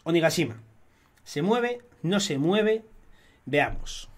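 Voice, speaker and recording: A young man from Spain with a Spanish accent, talking excitedly through a casual live-stream commentary, swearing often in chatty fan banter. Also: fairly high pitch, slow. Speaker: streamer analyzing an anime opening.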